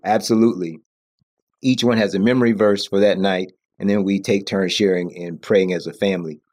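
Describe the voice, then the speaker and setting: A man's voice: sits low, fairly even intonation, brisk, a little mellow. A male pastor talking about faith and family in a sermon-like, emphatic way, often stopping to correct himself. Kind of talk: conversational church podcast discussion.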